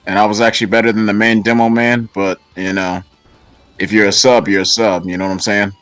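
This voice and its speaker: Laid-back man with a low, dry voice. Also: little pitch movement, fairly quick, a bit bright, smooth, no echo, soft background music. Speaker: co-host on a stream. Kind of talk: casual live-stream chat.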